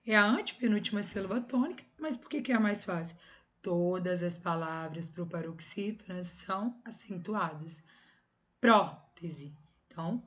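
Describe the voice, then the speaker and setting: A woman with a Brazilian Portuguese accent giving a recorded lesson, explaining step by step and checking in with short tag questions. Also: medium pitch. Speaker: teacher.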